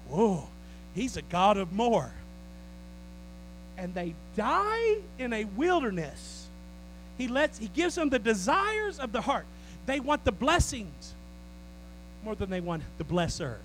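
Male preacher, high voice, very animated delivery; faint hum underneath. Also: low-quality recording. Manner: animated preaching that swings from loud declarations to low asides with the congregation. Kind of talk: sermon.

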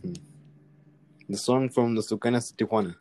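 A man's voice: fairly low pitch, a little fast, warm tone, poor audio. A young man co-hosting a casual podcast chat, stammering and swearing as he talks. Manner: stammering, swears, laughs often. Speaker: podcast co-host.

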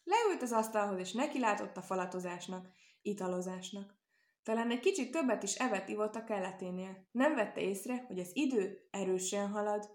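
A woman narrating a children's animal tale, in a calm, even storytelling manner. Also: mid-range voice. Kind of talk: storybook reading. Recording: roomy echo.

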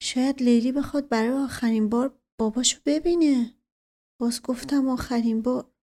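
A fretful young man in love, earnest and pleading, his questions halting and unsure, put on by a woman reading an audiobook. The voice sits a little high. It reads as a storybook character rather than a plain narrator. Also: fairly even intonation, warm tone, lightly acted. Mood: anxious.

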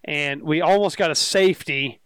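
A young man talks sports with friends in a loose, joking, rambling way. His voice sits a bit high for a man and sounds smooth and clean. The room is dry and close, with no echo. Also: moderate pace, a bit bright. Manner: laid-back, jokey, rambling storyteller. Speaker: podcast co-host. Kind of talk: casual sports chat.

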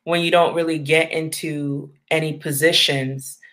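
A woman's voice: deep voice, fairly even intonation, measured pace, fairly bright tone. A woman from Long Island, New York, speaking candidly and reflectively as an interview guest, laughing easily.

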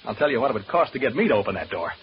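A jittery radio broadcaster alone in a haunted house slowly unravels in this old-time radio horror drama, nervous, stammering and rambling with giggly asides to listeners. He talks very animatedly and fast, nervously giddy, with swooping pitch. The old recording is muffled with background hiss.

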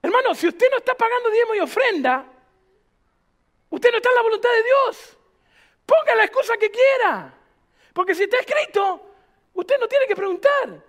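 A man's voice: very high-pitched, lively intonation, normal speed, long pauses. A man, a pastor preaching emphatically to a church, firing off rhetorical questions. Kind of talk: sermon.

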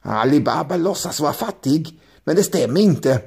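A man's voice: mid-range voice, mellow, husky, natural voice. A man voicing a sly, suspicious rich woman who angrily scolds her husband in a spoken storybook. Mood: angry. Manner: angry, accusing. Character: sharp-tongued suspicious rich woman, Bahar.

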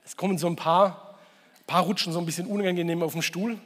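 A man's voice: high-pitched, fairly even intonation, fast, a bit bright, in a large hall. A man preaching a Sunday sermon as pastor, talking conversationally, asking the congregation questions and repeating key phrases for emphasis.

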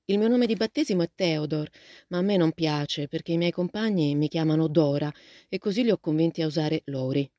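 A woman voicing a shy, courteous teenage boy in a storybook reading, speaking politely and softly. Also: low-pitched, brisk, no room sound, clean studio sound, close to an everyday voice.

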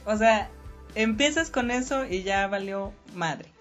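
A woman's voice: medium pitch, takes it slowly. A young Mexican woman, a podcast guest, chatting casually and agreeing easily with a laugh. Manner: relaxed agreeable chatter, often laughing along. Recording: dull lo-fi audio with faint music.

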